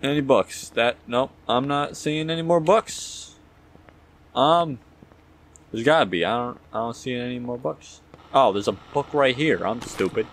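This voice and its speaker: A man's voice: mid-range voice, unhurried. A young man commenting casually on a horror game as a scared streamer, jittery and slangy, muttering to himself. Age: young adult.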